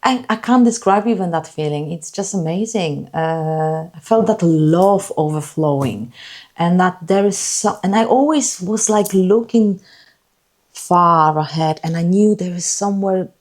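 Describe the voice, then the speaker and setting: A woman from Poland, a guest telling her life story in a podcast interview, earnest and halting, often repeating her words. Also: on the low side, a little mellow.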